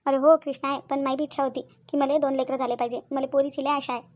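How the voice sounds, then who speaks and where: A woman's voice: sits high, flat delivery, fast talker, a little mellow, close to an everyday voice. Woman voicing a tearful young wife with a Vidarbha accent. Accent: Vidarbha Marathi. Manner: pleading, sobbing. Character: young married woman, tearful, longing for a daughter. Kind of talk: cartoon voice acting.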